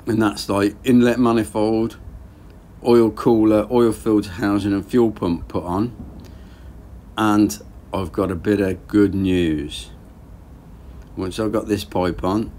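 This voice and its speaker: A lowish-voiced man in his thirties casually narrates his garage engine rebuild, thinking aloud while he works. Slight background noise is audible, and the boat engine vlogger keeps things relaxed and plain-spoken.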